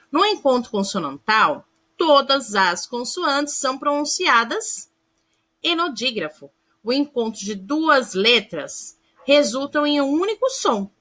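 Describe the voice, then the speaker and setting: Slow, bright schoolteacher woman. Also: a little high. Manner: slow, deliberate, sounds words out syllable by syllable; affectionate, calls pupils "amores", asks checking questions. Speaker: primary school teacher. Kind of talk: recorded remote grammar lesson.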